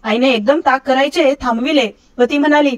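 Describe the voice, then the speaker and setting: Storybook reader: high-pitched middle-aged woman who raises her voice for character lines. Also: muffled recording. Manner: recites verse slowly and lower. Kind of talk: reading a story aloud.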